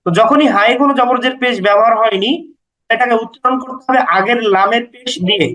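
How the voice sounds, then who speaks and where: A man teaching Quran recitation, patiently repeating letter names and vowel marks slowly for his listeners to follow. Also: extremely high pitch, fairly even intonation, sharp tone, poor audio. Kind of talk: step-by-step recitation lesson.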